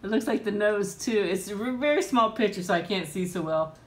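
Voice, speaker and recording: Animated and brisk, a middle-aged woman hosts a live chat and eating stream for viewers at home, rambling and laughing often with plenty of ums. The sound is echoey, with a faint rumble in the background.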